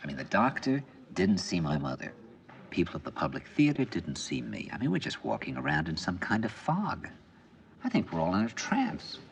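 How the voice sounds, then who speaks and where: A man's voice: low voice, wildly swooping pitch, normal speed, creaky, exaggerated voice. An actor playing an intense middle-aged man confiding over dinner in earnest, probing film dialogue. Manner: earnest, probing, builds to emphatic bursts.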